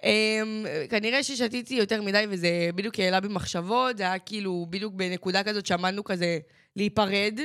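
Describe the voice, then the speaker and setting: A woman's voice: medium pitch, no echo, clean studio sound. A teenage girl, a podcast co-host, telling a personal story in casual chat, acting out what people said and filling her talk with "like". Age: teens. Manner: animated storytelling that acts out quoted voices, with lots of "like".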